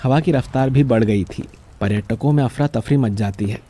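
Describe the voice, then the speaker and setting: A man narrating a cartoon story in a calm, even storytelling manner. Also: mid-range voice, normal speed, breathy edge.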